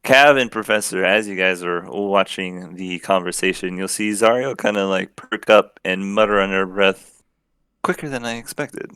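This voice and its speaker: A man's voice: low-pitched, normal speed, sharp tone, clean tone, no echo. A young man acting as game master, narrating a tabletop game in a casual, loose way with lots of fillers.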